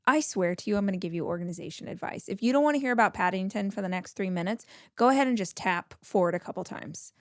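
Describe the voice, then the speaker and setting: An enthusiastic woman in her forties chats through a solo podcast episode in a bubbly, friendly way. Her voice sits in a middle pitch, and the close recording has no room sound around it. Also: animated, fast, hardly any pauses, no room sound. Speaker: podcast host. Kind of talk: casual solo podcast talk.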